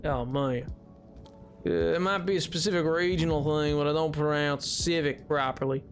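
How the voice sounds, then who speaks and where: This man's fairly high voice holds a steady tone at normal speed as he rambles to his stream viewers, explaining things hesitantly. He affects a Southern US drawl, and music plays behind him.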